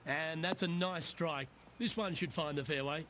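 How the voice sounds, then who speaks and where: A man's voice: fairly high pitch, moderate pace, pushed and bright. A man playing a golf commentator, calling shots for a video game broadcast. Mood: approving. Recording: crowd and faint noise behind.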